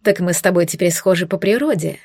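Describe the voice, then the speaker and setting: A woman voicing a seductive adult male demon lover, murmuring low and purring. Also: fast, a little mellow, no room sound, clean studio sound. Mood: sultry.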